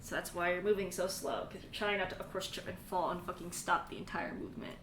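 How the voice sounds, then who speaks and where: A woman's voice: fairly low pitch, little pitch movement, fast, fairly bright tone. A woman casually narrating a tabletop game as game master, with an informal, sweary way of talking. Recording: roomy echo, faint noise.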